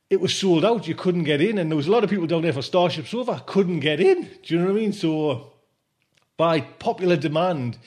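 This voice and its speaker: Hosting his podcast in a loose, wandering style, a man talks informally and tosses in conversational tags. His voice is medium in pitch with a darkish tone.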